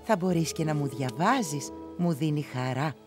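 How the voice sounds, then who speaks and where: Sweet blind old granny in a cartoon dub, low voice, soft and loving, music playing. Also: female voice, animated. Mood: tender. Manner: soft, affectionate. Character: kind blind old grandmother, gentle and wise.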